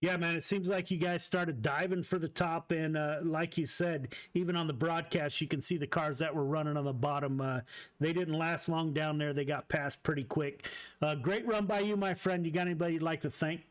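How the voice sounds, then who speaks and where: A man hosting a sim racing broadcast, interviewing drivers after the race and making announcements in a halting way, full of fillers and restarts. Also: a little high, steady tone.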